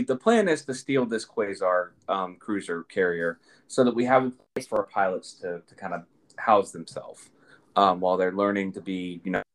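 A man co-hosting a podcast, chatting casually and rambling with restarts and laughs. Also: on the low side. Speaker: podcast co-host. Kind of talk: casual chat.

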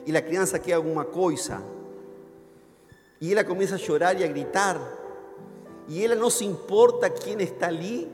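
A man's voice: high-pitched, moderate pace, long pauses. A man preaching a sermon as pastor in Spanish mixed with Portuguese, acting out impassioned prayers. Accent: Spanish speaker mixing in Portuguese. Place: church hall. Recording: reverberant church hall with soft music.

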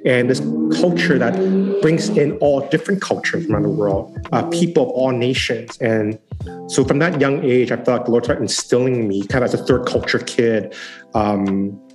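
Over music, a young adult man with a medium-pitched voice tells his life story at a moderate pace, casual and earnest, acting out what he and others were thinking. Born in San Francisco and raised partly in Hong Kong, he's a guest on the show, a former software engineer who became a digital missionary, giving a casual personal testimony.

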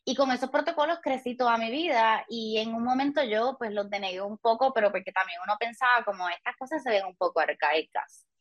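A woman's voice: fairly high pitch, highs cut off. Chatty Puerto Rican woman, thirties. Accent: Puerto Rican Spanish. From Puerto Rico. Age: 30s. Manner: candid, chatty, with light self-mocking humor. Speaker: guest, patient. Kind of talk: casual podcast interview.

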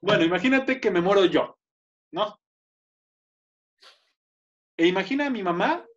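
A man's voice: high-pitched, lively intonation, measured pace, a bit bright, dull audio. A young Mexican man co-hosting a podcast, ranting with playful mock outrage and joking with his co-host. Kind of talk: casual chat.

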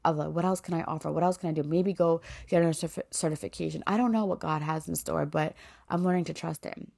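Low, gravelly-voiced chatty woman podcaster. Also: fairly even intonation, quick pace, a little mellow. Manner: heartfelt, chatty, rambling with "like" and "you know". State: voice cracking with emotion. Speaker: podcast host. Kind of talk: personal faith podcast monologue.

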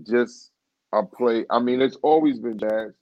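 A man with a medium-pitched, unhurried voice is interviewed as a guest singer, telling a long, casual story full of restarts and "you know what I'm saying." The recording is dull, dry and muffled, with no room sound.

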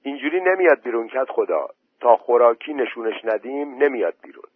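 A man's voice: mid-range voice, sing-song, husky, no room sound, pitched above the performer's own voice. A man voicing a practical village man who coaxes and gives firm orders. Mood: coaxing. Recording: tinny phone-like voice message.

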